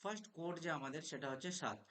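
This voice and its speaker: Teacher spelling words aloud. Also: male voice, on the high side, quick pace, fairly bright tone, slight background noise. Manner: explains step by step, spells words out letter by letter, often checks "okay?". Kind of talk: exam revision lesson.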